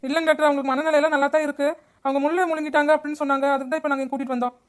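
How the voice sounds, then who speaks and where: A woman's voice: sits high, level tone, very fast. A woman voicing the mother and the college-age granddaughter in a cartoon, chatty and pleading. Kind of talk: cartoon voice acting.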